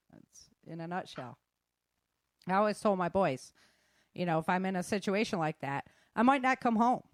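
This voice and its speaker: A middle-aged woman with a mid-range voice, appearing as a guest and self-defense instructor, talks casually and frankly, offering emphatic, informal advice. The recording is studio quality with no echo.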